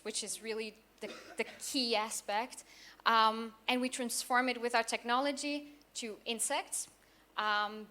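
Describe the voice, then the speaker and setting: A young woman from southeast Austria giving a conference talk as a company founder, often pausing with fillers and restarting her sentences. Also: fairly high pitch, fairly bright tone. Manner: hesitant, many fillers and restarts.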